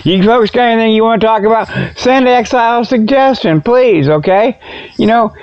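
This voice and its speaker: An American man hosts a solo internet radio show, rambling through a comic monologue full of mock product pitches. He's folksy and jokey, stammers into repetitions, and chuckles at his own jokes. His voice is very high-pitched at normal speed, and the audio sounds dull.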